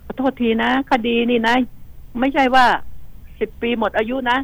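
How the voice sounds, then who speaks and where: A woman's voice: on the high side, level tone, moderate pace, no room sound, low-quality recording. A woman commentating on the news on radio, outspoken and indignant, rambling and repeating herself as she talks to listeners. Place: radio studio.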